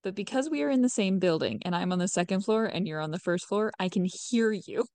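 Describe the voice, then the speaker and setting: Woman cohost with dry jokes, mid pitch, dead dry sound no room echo. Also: expressive, a little fast, a little mellow. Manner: dry, joking asides. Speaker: podcast co-host. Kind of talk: casual chat recapping a film.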